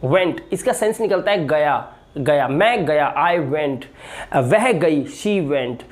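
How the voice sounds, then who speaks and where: A man's voice: on the high side, lively intonation, takes it slowly. A man teaching English verb forms as a classroom grammar lesson, repeating each word and checking in often. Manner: repeats words, checks in with "right".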